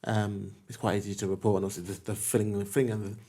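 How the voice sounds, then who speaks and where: A man's voice: fairly low pitch, flat delivery, warm tone. A young man from the student union, speaking carefully on a podcast and often searching for words. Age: young adult. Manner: hesitant, measured, searching for words. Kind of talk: casual podcast chat.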